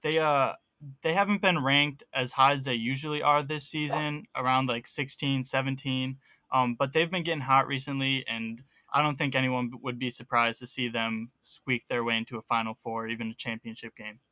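A young man co-hosting a podcast, talking college basketball in a relaxed way with lots of ums. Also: mid-range voice, normal speed, no echo. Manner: relaxed, filler-heavy talk. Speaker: podcast co-host. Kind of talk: casual sports chat.

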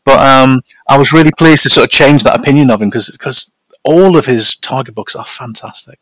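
A Northern English man with flat vowels talks as an interview guest. He tells anecdotes in a casual, self-deprecating way. The sound is dry and close, with little room around it. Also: medium pitch, a little fast, no echo, rough recording. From north of England. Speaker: podcast guest.

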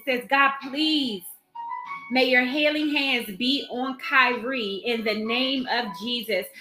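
A woman's voice: high voice, pushed and bright. A woman leading a live prayer meeting, praying urgently over the sick in repeated, declarative invocations. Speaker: prayer leader and Bible teacher. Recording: roomy echo, faint music behind.

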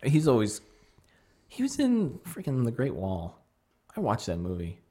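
A man's voice: medium pitch, huge pitch swings, moderate pace, dark tone, breathy edge. A man co-hosting a podcast, chatting casually about movies, rambling with frequent restarts. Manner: rambling, restarts often, laughs mid-sentence. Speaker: podcast co-host.

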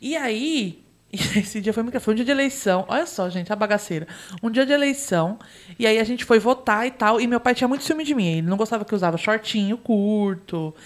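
A woman's voice: fairly high pitch, animated, brisk. A young Brazilian woman telling a funny story in casual chat, dramatic and laughing often.

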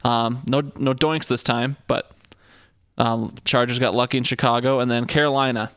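A man's voice: mid-range voice, steady tone, normal speed, fairly bright tone, clean tone, no echo, clean studio sound. A man co-hosting a casual sports podcast, rambling through the games with many fillers and restarts. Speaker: podcast co-host.

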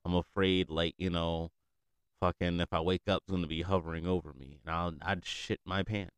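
Casual young man, deep and smooth, rambling, swears freely and laughs often. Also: flat delivery, moderate pace, no echo. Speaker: friend catching up. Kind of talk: casual chat.

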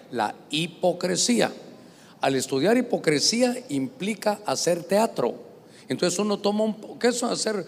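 Pastor guest, man, high voice, jokey anecdotal preaching, live event hall reverb. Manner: animated, joking storyteller. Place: live event before an audience.

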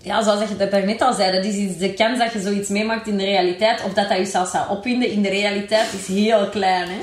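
A woman's voice: mid-range voice, fairly even intonation, fast. A woman with a Flemish accent chatting candidly and informally, with English exclamations mixed in. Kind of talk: casual, candid group chat. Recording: echoey room.

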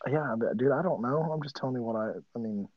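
A man's voice: medium pitch, fast, no echo, lo-fi sound. A man in his mid-thirties co-hosting a podcast, laid-back and chatty, who keeps saying "dude" and gets worked up when teased. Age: 30s. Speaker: podcast co-host. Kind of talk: casual chat.

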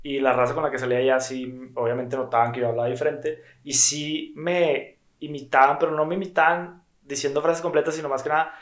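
A man's voice: medium pitch, fairly even intonation, brisk, few pauses. A man with a Monterrey Mexican accent hosting a podcast in laid-back, slang-heavy casual chat. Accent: Monterrey Mexican Spanish. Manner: slangy and laid-back, lots of filler words. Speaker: podcast host. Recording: roomy echo.

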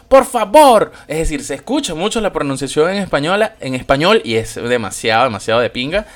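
A man's voice: fairly high pitch, a bit bright. A man with a Venezuelan accent hosting a podcast, chatting casually about a film in a rambling, slangy and profane way. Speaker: podcast host reviewing a film. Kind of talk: casual chat.

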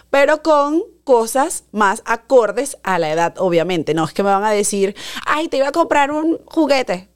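A woman hosting a podcast, telling a personal story in a casual, animated way and acting out the quoted voices. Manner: animated, acts out quoted voices, dramatic pitch jumps. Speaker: podcast host.

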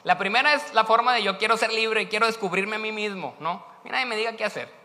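Preaching in a reverberant church hall, a man with a Mexican Spanish accent talks fast in a high-pitched, sharp voice. This pastor keeps his sermon storytelling casual and chatty, often ending lines with tag questions.

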